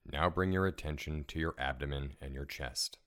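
A meditation guide and podcast host with an extremely low voice leads a guided relaxation, calm, soothing and measured, giving gentle step-by-step instructions.

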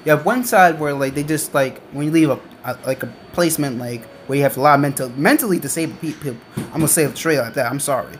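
A young adult rambling through a casual podcast-style rant in a halting, repetitive, emphatic way. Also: mid-range voice. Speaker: podcaster, online content creator. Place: on board a train. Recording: noisy train ambience behind the voice. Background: train noise.

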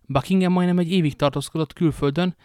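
A desperate, seductive noble lady pleads in a raised, theatrical voice, voiced by a male reader. The storybook delivery is lifted and louder than his narration. The sound is dry and close. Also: fairly high pitch, steady tone, smooth, dry recording, voice pushed up, close to an everyday voice. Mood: pleading.

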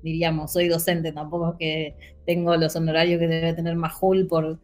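An Argentine woman with a Rioplatense Spanish accent speaks earnestly and with animation in a casual panel discussion, using many fillers. Her voice is low, her speed normal, and faint music plays in the background.

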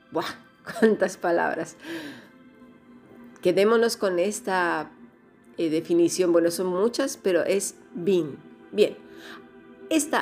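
A woman teaching an online Bible class, explaining word meanings and often asking rhetorical questions. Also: sits low.

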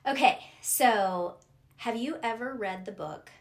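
A middle-aged woman chatting as a podcast guest, expressive and lively as she acts out her own thoughts. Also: a little high, slow pace. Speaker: podcast guest, professional coach. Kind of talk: casual conversation.

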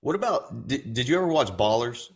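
A man co-hosting a loose sports podcast, blunt and profane. He delivers crude jokes in a flat, matter-of-fact way. His voice sits at an ordinary middle pitch for a man. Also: fairly quick, slightly rough. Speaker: podcast co-host.

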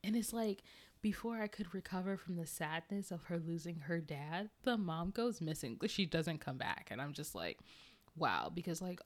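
A woman's voice: lowish voice, expressive, normal speed. A woman hosting a podcast in a casual, chatty way, laughing often and tripping over her words. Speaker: podcast host reviewing a movie. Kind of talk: casual chat.

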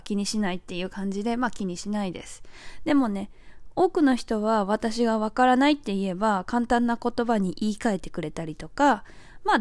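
A woman's voice: medium pitch, darkish tone, dry recording. A woman in her forties, from Japan, hosting a casual solo audio talk and explaining things in a chatty, friendly way with filler words. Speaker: podcast host.

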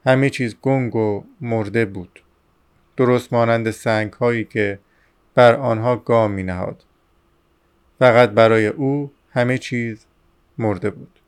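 Male audiobook narrator, measured novel reading, clean resonant voice. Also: medium pitch, steady tone, smooth.

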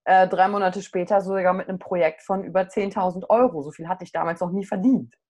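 A middle-aged woman, a coach, telling a personal story in casual conversation, candid and animated. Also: lowish voice, a little fast.

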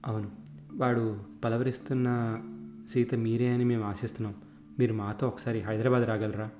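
A man voicing a determined man on a search, asking pressing questions in a low, dark voice. The voice sits in an echoing room with faint music behind. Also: level tone, moderate pace, lightly acted. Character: determined middle-aged man searching for someone.

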